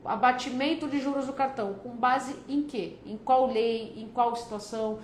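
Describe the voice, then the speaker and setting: A woman's voice: a little high, fairly even intonation, moderate pace. A woman with a São Paulo accent, hosting a casual live stream as a debt advisor and answering viewer questions in a chatty, joking way. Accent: São Paulo Brazilian Portuguese. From São Paulo, Brazil. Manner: chatty and joking, calls viewers "filha" and "cara". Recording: echoey room with faint background noise.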